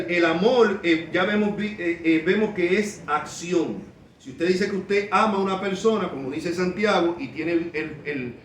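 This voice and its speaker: High-voiced preaching man, echoey church. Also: a little hiss or hum. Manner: slow emphatic repetition of key phrases; acts out quoted people in quick voices. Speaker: pastor. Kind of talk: sermon. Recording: echoey church from a distance, faint background.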